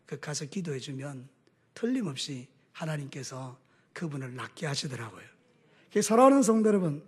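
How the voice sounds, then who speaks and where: High-voiced Gyeongsang Korean pastor preaching. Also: male voice. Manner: animated preaching with homely anecdotes and call-and-response. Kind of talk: sermon.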